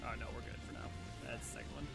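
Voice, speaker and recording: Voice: mid-range voice, steady tone, rapid-fire, vocal fry, loud music behind the voice. A streamer who does character voices, chatting casually while playing a game. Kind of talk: casual game livestream chat.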